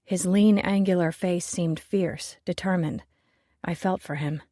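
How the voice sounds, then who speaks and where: Female audiobook narrator, lower register, understated wry delivery. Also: steady tone, measured pace, dark tone, dry recording, studio quality. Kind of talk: first-person novel narration.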